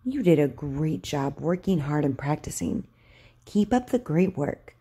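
A woman speech therapist leading a repeat-after-me word drill for children, over-enunciating each word slowly and deliberately. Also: sits low, expressive, mellow, slightly rough.

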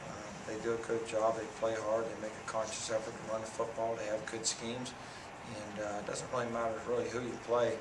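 A man's voice: fairly low pitch, monotone, a little fast, few pauses. A man in his thirties, a head football coach, answering questions after a game at a press conference, speaking plainly and steadily with many fillers and restarts. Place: press room in front of a sponsor backdrop. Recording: echoey room audio from a far camera, noisy.

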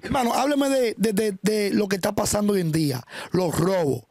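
A man's voice: high-pitched, normal speed, a little mellow, no echo. A Dominican man with a Dominican Spanish accent interviewing a guest, asking probing questions and stammering on repeated words. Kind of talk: casual interview.

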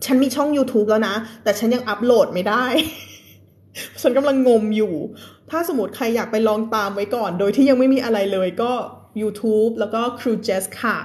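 A woman's voice: on the high side, moderate pace, a little mellow. A young woman teaching English in a casual live stream, chatting and laughing with viewers between storybook passages.

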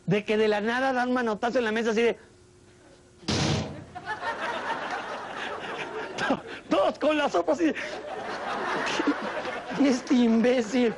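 High-voiced Mexican comic over crowd laughter. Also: male voice, slow pace, pauses often. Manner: animated, slangy, chuckling as he talks. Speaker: comedian host. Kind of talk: stand-up comedy monologue. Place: TV studio with live audience. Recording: TV studio audience laughter, noisy broadcast.

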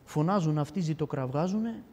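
A man with a fairly high voice tells a personal testimony in a casual, animated way. He acts out the back-and-forth of his story. His voice rings out with a long hall reverb. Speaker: guest giving a testimony.

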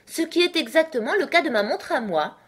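A woman voicing the mad male Hatter in a storybook reading, speaking high, loud and scornful. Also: expressive, brisk. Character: mad male Hatter, rude, fussy and contrary.

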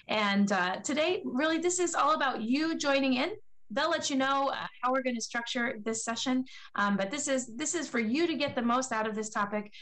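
Woman, middle-aged, webinar host, welcoming, filler words, slightly high voice, webcam sound. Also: a bit bright. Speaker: platform manager introducing speakers. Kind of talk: session introduction. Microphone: video call webcam.

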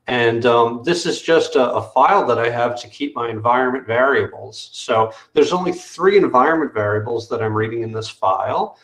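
A man walking through software on a screen-share video call, explaining step by step with frequent fillers. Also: medium pitch, moderate pace, hardly any pauses, roomy sound. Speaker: developer demoing software. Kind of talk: technical screen-share walkthrough.

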